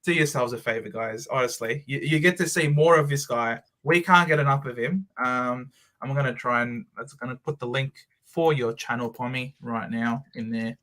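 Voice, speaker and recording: A man's voice: medium pitch, normal speed, a bit bright. A man hosting a football live stream, talking casually and enthusiastically. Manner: enthusiastic, effusive, says mate and bro. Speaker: host.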